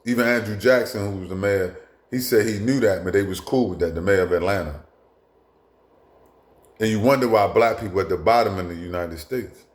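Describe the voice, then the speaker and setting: A man's voice: on the low side, fairly quick, roomy sound. A man talking bluntly in a casual monologue as a commentator, with frequent restarts and asides. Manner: blunt, profane, repetitive with many asides and restarts.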